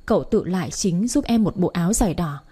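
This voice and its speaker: Mellow, husky woman narrating a romance. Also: fairly low pitch, animated, brisk. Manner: chatty, addresses listeners directly. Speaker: story narrator. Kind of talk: first-person romance story reading.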